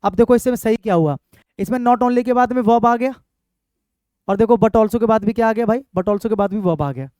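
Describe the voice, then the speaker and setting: Teacher with a high, smooth voice. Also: male voice, darkish tone, no room sound. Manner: repeats points and quizzes students with questions; reads example sentences slowly and emphatically. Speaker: English grammar teacher. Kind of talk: exam-prep grammar lesson.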